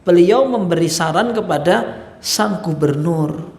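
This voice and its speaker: A male religious teacher giving a mosque study lecture, lively and acting out the dialogue he quotes. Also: high-pitched, unhurried. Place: mosque hall. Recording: echoey mosque hall.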